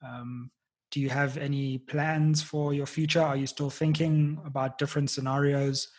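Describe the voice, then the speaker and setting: An interviewer asking long, thoughtful questions, pausing often on fillers. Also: mid-range voice, little pitch movement, darkish tone, breathy edge. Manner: thoughtful, hesitant, with many fillers.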